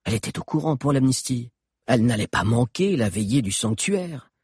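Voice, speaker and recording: A man telling a story in scripted audiobook narration, his voice husky and breathy. His pitch moves lively and expressively through the sentences. The recording is dry and close, with no room sound. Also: brisk, dry recording.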